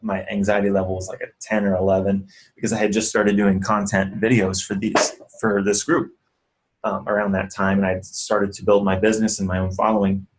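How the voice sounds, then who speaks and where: A man's voice: fairly low pitch, little pitch movement, brisk, a little hiss or hum, rough recording. A man, a physical therapist, giving earnest, conversational advice in a casual vlog and talking the viewer through breathing. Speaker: physical therapist and clinic owner.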